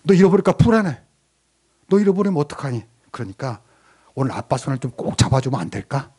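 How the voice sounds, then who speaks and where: Gentle, soft-spoken father asking kindly, voiced by a man. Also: mid-range voice, sing-song, fast, breathy edge. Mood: pleading.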